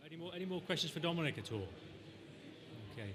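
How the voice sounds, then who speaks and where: Male session chair, quick and brisk delivery, moderating a conference panel. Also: on the high side, lively intonation, crowd noise. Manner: brisk, wrapping up.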